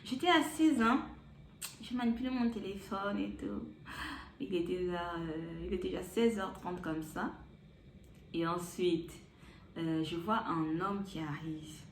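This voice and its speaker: A young woman tells a personal story in a loose, chatty vlog style, leaning on fillers like "donc, du coup". Her voice sits fairly low. The room sounds echoey, with a faint hum of background noise. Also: measured pace. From Gabon. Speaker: vlogger. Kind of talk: casual storytelling.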